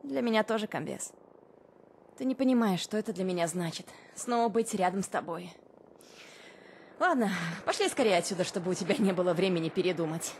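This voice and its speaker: Актриса озвучивает в игре молодую журналистку, которая искренне и нежно мирится с любимым. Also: female voice, mid-range voice, lively intonation, fairly quick, slight background noise, natural voice. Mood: relieved. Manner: heartfelt, apologetic and warm toward a partner. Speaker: companion character. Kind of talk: video game voice dubbing.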